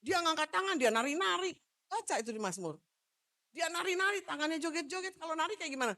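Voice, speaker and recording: A woman pastor from Manado giving a loud, animated sermon, joking with the congregation and moving about as she preaches. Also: extremely high pitch, quick pace. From Manado, Indonesia. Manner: jokes with the congregation. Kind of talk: lively sermon.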